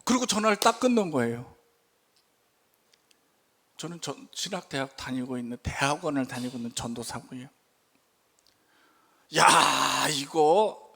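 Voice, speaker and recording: A male pastor preaching in church, telling a story with lively turns and rhetorical questions to the congregation. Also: medium pitch, fairly quick, pauses often. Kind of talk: sermon storytelling.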